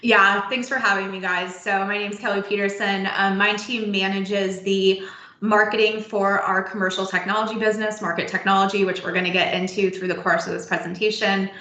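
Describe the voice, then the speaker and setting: A woman in her thirties, relaxed and self-deprecating, introducing herself as a webinar guest. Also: mid-range voice, brisk, reverberant, rough recording. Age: 30s. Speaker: guest marketing executive. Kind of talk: casual webinar chat.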